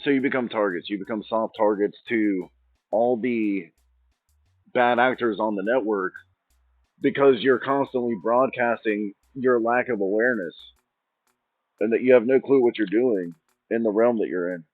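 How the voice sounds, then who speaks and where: A man's voice: lowish voice, moderate pace, dry recording. A man hosting his own channel, talking in an informal, meandering ramble that restarts thoughts mid-sentence. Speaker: channel host. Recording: tinny phone-like sound, dry, faint music.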